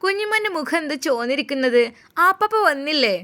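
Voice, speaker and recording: A woman voicing a small girl who insists and comforts in a high, childlike voice. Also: expressive, fast talker, pushed and bright. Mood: insistent.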